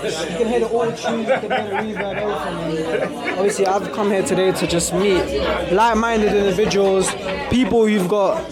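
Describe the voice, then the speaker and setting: Young London-accented vlogger, chatty and networking; high voice over a loud party crowd. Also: male voice. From France. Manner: chatty, networking, quick questions. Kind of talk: casual chat. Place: busy indoor party.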